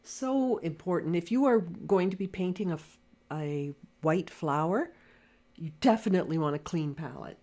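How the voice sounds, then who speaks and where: A woman teaching watercolor painting in a live lesson, speaking quietly and thinking aloud as she paints, on a desk mic. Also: fairly low pitch, animated, moderate pace. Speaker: watercolor art instructor. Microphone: desk mic near camera.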